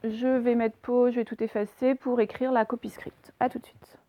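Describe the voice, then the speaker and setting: Woman teacher slowly spelling out a dictation. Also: fairly high pitch, level tone, phone-quality sound. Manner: slow, careful spelling-out of sounds and letters. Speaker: primary school teacher. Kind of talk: dictation lesson for children.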